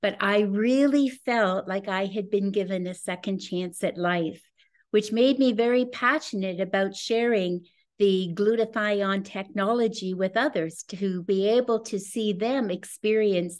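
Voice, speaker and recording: A woman's voice: medium pitch, a little mellow. A woman in her sixties giving an earnest, enthusiastic webinar presentation over a video call from home. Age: 60s. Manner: earnest, enthusiastic, personal testimonial. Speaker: presenter of a business opportunity. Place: home room with a scenic backdrop, indoors. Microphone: video call webcam.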